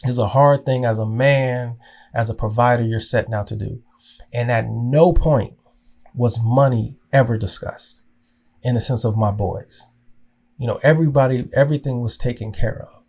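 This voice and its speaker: Man from oklahoma, earnest reflective storytelling, halting restarts, mid-pitched voice, podcast host. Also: darkish tone. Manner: halting, with frequent restarts and repeated words; earnest and emotional.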